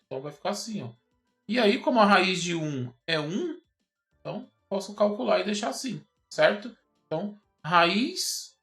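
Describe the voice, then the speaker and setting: A man's voice: fairly high pitch, a bit bright. A man with a Brazilian Portuguese accent, teaching a math lesson patiently and checking often that the student follows. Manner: patient and repetitive, checks understanding with "certo?" and "ó". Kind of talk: explaining math at a whiteboard.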